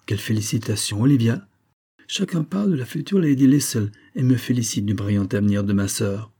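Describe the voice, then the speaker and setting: A man's voice: mid-range voice, a little fast, dark tone, husky. A man voicing a scheming, envious young woman in an audiobook, speaking slyly and gossiping. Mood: mocking. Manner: sly, gossipy.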